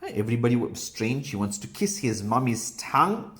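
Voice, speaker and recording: A man telling a moral story to children, slow and animated with frequent ums and pious phrases. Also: medium pitch.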